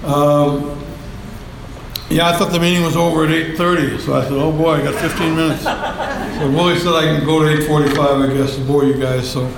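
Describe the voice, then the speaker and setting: Poor audio with crowd noise captures an older man sharing his story at a support group meeting via handheld mic in a meeting room. His fairly high voice holds a steady tone and some vocal fry, and he speaks briskly, rambling folksily with many fillers.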